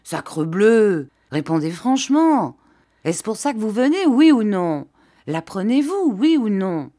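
A woman's voice: medium pitch, sing-song, a little slow, dark tone, voice pushed up. A woman doing a testy old baron. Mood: impatient. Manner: curt, impatient. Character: old aristocratic father, irritable and blunt.

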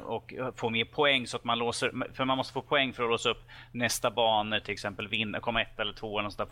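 Bright-voiced casual man chatting about games. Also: on the low side. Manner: rambling, jokey, self-mocking. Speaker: podcast co-host. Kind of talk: casual gaming podcast chat.

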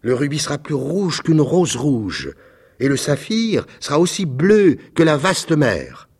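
Storybook: man voicing a young male swallow, high, eager, tremulous, soft-hearted. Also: very animated, measured pace, breathy edge, heavily acted. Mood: tender pleading. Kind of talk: storybook reading.

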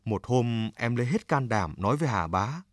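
Lively male storyteller, dry sound. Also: mid-range voice, moderate pace, dry recording. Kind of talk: storybook narration. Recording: dry close mic with faint music.

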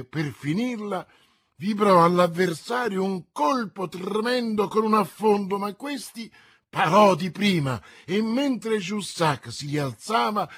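A man narrating an adventure novel aloud in a theatrical, unhurried reading style. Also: high-pitched, a bit bright, breathy edge. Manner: theatrical, unhurried, swelling with the action. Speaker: audiobook narrator. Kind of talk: dramatic audiobook reading.

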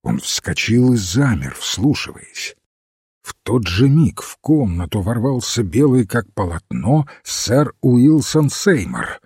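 A man narrating an audiobook in a measured, even storytelling manner. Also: medium pitch, husky, dry recording, studio quality. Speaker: audiobook reader. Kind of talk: scripted narration.

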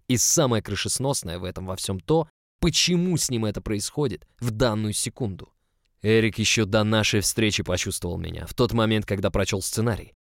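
Guy reading as a big norwegian writer boss, low commanding voice, dry close sound. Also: dry recording, close to an everyday voice. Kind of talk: audiobook character reading.

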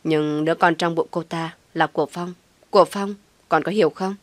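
A woman's voice: low-pitched, fairly even intonation, normal speed, dry recording, natural voice. A woman voicing a stern, controlling older mother who speaks firmly and insistently.

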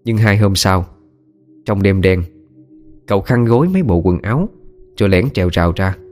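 A man narrating a story as an audiobook reader, steady and expressive. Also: low-pitched, normal speed, faint music behind.

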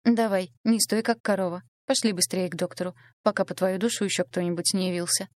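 Woman reading a croaky, brash older mother, low dry voice, audiobook. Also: fairly even intonation, brisk, no room sound, lightly acted. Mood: gruff scolding. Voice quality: croaky, grumbling. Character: brash sharp-tongued middle-aged mother, gruff.

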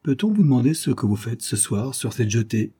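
A man's voice: medium pitch, big pitch swings, fairly quick, dark tone, breathy edge. A man voicing a cynical, mocking female adventuress in a read-aloud adventure story, with a biting, sarcastic delivery.

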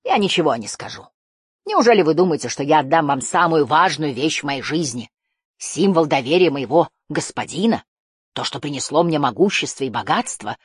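A woman's voice: sits low, animated, moderate pace, slightly rough, no echo, studio quality. A woman reading the part of a cold, scheming old male guardian who drawls and hisses his words. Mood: menacing. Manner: hissing, drawling, menacing.

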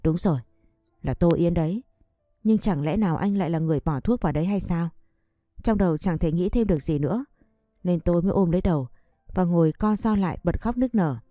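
A young woman narrating a first-person audiobook story in a steady, even way. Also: on the low side, fairly quick, dry recording, studio quality, faint music behind.

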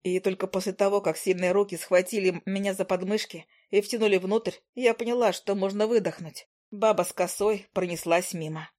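Woman, audiobook narration, first-person storytelling, wry and lively. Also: mid-range voice, brisk, few pauses.

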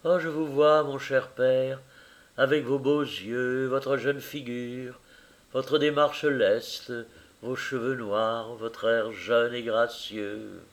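A man's voice: medium pitch, steady tone, slow. A man reading aloud, voicing a young blind daughter who speaks with tender delight. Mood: joyful.

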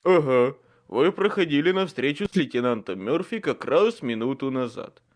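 A man's voice: mid-range voice, expressive, moderate pace, natural voice. A man playing a wary old desk sergeant. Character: older wrinkled moustached desk sergeant, nervous.

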